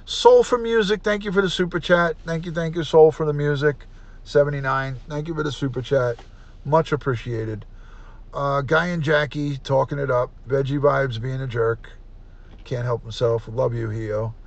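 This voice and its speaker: A man in his fifties with a gravelly New voice, hosting a live stream in a loose, chatty way. He runs through viewer names one by one and keeps thanking them as he signs off. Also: mid-range voice, steady tone, normal speed, highs cut off. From United States. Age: 50s. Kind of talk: casual live stream sign-off.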